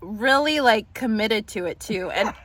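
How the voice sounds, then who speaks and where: A woman vlogger chats through funny stories, her pitch leaping up and down as she goes. She laughs often and acts out what others said. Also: expressive, measured pace, fairly bright tone. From England. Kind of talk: casual storytelling chat.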